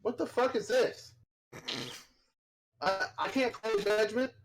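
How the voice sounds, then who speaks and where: A man co-hosting a casual gaming podcast over online voice chat, loud and excitable, his microphone clipping and distorting as it peaks. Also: sits high, takes it slowly. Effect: clipping, distorted peaking microphone. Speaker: podcast co-host. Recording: faint noise on a clipping mic.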